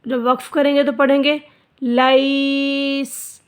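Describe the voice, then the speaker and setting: A woman teaching Quran recitation, spelling out letters and vowel marks, then drawing out each word slowly for the learner. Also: sits high, little pitch movement. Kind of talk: slow spelled-out recitation lesson.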